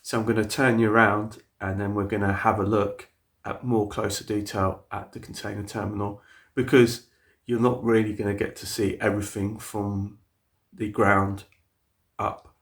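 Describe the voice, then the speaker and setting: Sniffly from a cold, a man casually walks viewers around his model railway layout in an indoor hobby room for a video. He rambles with lots of fillers and restarts, his fairly low voice flat and at normal speed.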